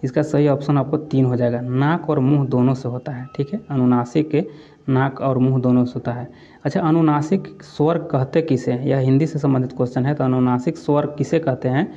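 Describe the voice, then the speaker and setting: Quiz teacher repeating "theek hai". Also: male voice, mid-range voice, fairly even intonation, a little fast, warm tone, dull audio. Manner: repetitive, keeps adding "theek hai". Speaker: exam coaching teacher. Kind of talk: quiz lesson walkthrough.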